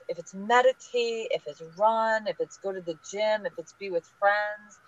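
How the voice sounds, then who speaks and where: A woman guest on a podcast interview, talking in an energetic, emphatic, advice-giving way. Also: mid-range voice. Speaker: guest, small business group leader. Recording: dull lo-fi audio.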